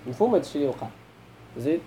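A man's voice: fairly high pitch, big pitch swings, racing, warm tone, a little hiss or hum, low-quality recording. A middle-aged man with a Moroccan Arabic accent, teaching a grammar class and pressing students with questions. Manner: questioning students, switching to colloquial.

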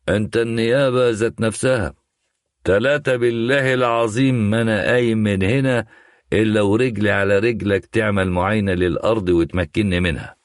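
Man voicing arrogant older retired counselor, Egyptian accent, insistent, low voice, dry sound. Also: no echo. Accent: Egyptian Arabic. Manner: boastful, insistent. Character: pompous retired male legal counselor, older, domineering.

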